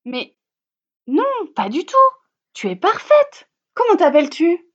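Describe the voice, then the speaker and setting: An excitable, cheerful fox from a children's storybook, played by a woman in a high, bouncy voice. Dull lo-fi sound. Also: measured pace, exaggerated voice. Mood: enthusiastic. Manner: bouncy and enthusiastic. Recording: dull lo-fi recording.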